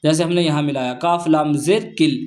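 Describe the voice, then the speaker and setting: A man with a fairly high voice teaches Quran reading step by step. He spells out syllables slowly and in a chanting way, then explains each rule quickly and plainly. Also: steady tone, a little mellow. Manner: slow chanted recitation of syllables, brisk explanations between.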